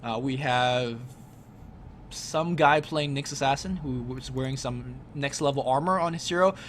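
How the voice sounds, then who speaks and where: A man giving casual, joking commentary over a replay of a video game match, chatty and quick to laugh. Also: medium pitch, a bit bright, slight background noise. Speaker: esports commentator.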